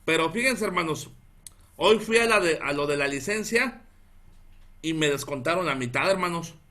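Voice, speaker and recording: Addressing his congregation, this northern Mexican pastor in his thirties tells an animated story, calling out to the brethren time and again and laughing softly at his own tale. His voice is forceful and bright, pitched slightly high for a man.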